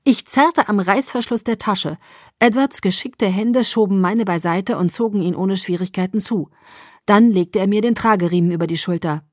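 A woman narrating a first-person audiobook in a measured, expressive storytelling voice. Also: mid-range voice, dry recording, clean studio sound.

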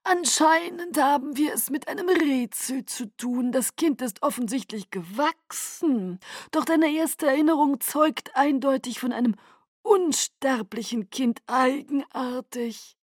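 A woman's voice: sits high, dry recording, studio quality, voice pushed up, heavily acted. Woman doing a thin-voiced, honeyed old vampire lord. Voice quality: thin, breathy voice. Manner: slow, honeyed, quietly threatening. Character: ancient male vampire leader, thin-voiced, sugary, menacing.

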